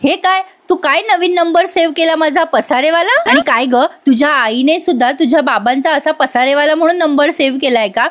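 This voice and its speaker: Woman voicing a short-tempered young husband, curt and snappish, high voice, serial recap. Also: lively intonation, a little fast, few pauses, a bit bright. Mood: irritated. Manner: snapping, impatient.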